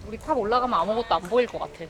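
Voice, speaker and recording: A woman's voice: medium pitch, very fast, fairly bright tone, slight background noise. A young woman chatting casually in a travel vlog outdoors, playful and exclamatory. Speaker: travel vlogger. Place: outdoors in a small town. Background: background music.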